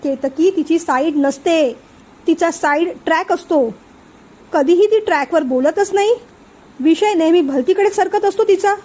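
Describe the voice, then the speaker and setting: A woman's voice: extremely high pitch, unhurried, darkish tone. A woman reading a sulky, fed-up young husband. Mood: aggrieved. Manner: melodramatic, rhyming complaints. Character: young married man, sulky and fed up with his wife.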